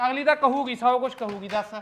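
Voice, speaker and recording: A short-tempered, grumbling husband, played by a woman, with a fairly high voice. He talks quickly and keeps nagging and scolding. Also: fairly bright tone, a little hiss or hum, close to an everyday voice.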